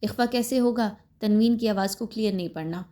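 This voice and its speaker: A woman with an Urdu accent teaching Quran recitation, explaining the rules step by step and pausing to check that listeners have understood. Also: mid-range voice, warm tone. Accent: Pakistani Urdu. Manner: explains step by step, then recites slowly and drawn out; checks understanding with repeated "clear?". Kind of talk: recorded recitation lesson.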